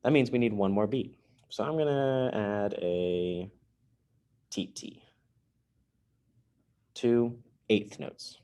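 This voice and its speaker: Male elementary music teacher, slightly low voice, playful and patient, talking kids through rhythms while screen sharing. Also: slow pace, mellow. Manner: playful, explains step by step to children. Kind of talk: recorded online music lesson for kids.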